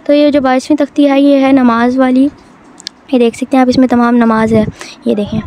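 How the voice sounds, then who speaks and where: High-voiced woman teaching Quran reading. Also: flat delivery, warm tone, slight background noise. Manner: patient, explains step by step, draws out words slowly. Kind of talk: home video lesson.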